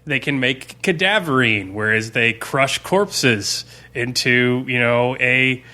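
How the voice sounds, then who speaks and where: A school teacher co-hosting a podcast chats casually while recommending books. His mid-range voice is bright and forceful, and he takes his time speaking.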